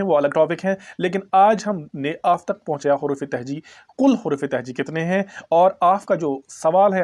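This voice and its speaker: A man's voice: on the high side, a little mellow. A man teaching a language lesson, carefully repeating each letter sound and spelling it out letter by letter. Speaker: Urdu teacher.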